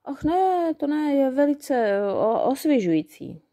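A woman voicing a timid, well-behaved young fairy girl who talks in halting bits. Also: high voice, big pitch swings, mellow, pitched above the performer's own voice. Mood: hesitant. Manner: hesitant, halting.

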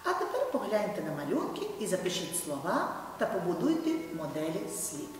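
A woman teaching a video lesson to first graders, talking slowly in a sing-song way and speaking directly to the children. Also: on the low side, big pitch swings. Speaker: primary school teacher. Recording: roomy hall, far mic, soft music.

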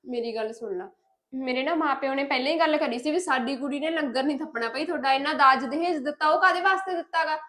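A woman playing a lazy, sharp-tongued young wife. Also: high-pitched, fast talker. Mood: defiant. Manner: defiant, bickering. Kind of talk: village family drama acting.

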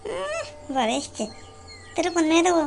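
A shrill foul-mouthed little boy. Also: wildly swooping pitch, normal speed, background noise, exaggerated voice. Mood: cheeky, taunting. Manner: shrill, brash and insulting. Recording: music behind the voice.

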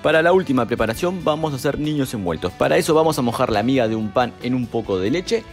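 A young man, calmly narrating a cooking recipe step by step as a voice-over, with music behind him. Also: mid-range voice, fast. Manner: calm step-by-step instructions. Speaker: cooking channel host.

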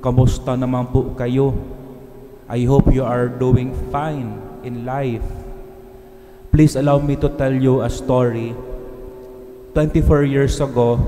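A middle-aged man with a Filipino accent speaks as a priest in a large church. His voice is mellow and slow, with deliberate pauses. Cathedral echo trails each phrase, over faint background noise. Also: mid-range voice. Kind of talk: gospel reading and homily. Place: large church, at lectern microphone. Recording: cathedral echo, long reverb, background hiss.

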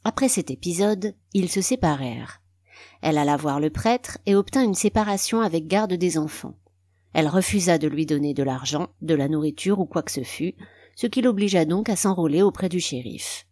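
Calm low-voiced woman reading a story. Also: moderate pace. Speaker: audiobook narrator. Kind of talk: scripted literary narration.

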